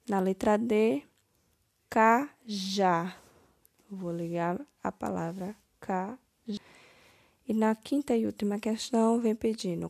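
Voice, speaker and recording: A woman teacher, slowly correcting first-grade homework step by step, stressing each word. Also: medium pitch, creaky, darkish tone, dry recording, studio quality.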